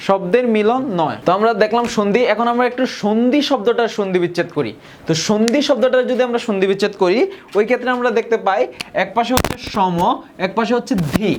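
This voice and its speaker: A young man from Bangladesh, teaching a grammar lesson and often repeating key points and slowing down on example words. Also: high-pitched. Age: young adult. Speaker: tutor.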